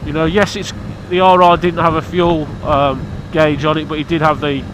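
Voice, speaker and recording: Outdoors with background noise, a British motorcycle vlogger chats to camera about his motorbike at a moderate pace. His voice is a little high and level in tone, nasal from hay fever, and his manner is blunt, cheeky and rambling.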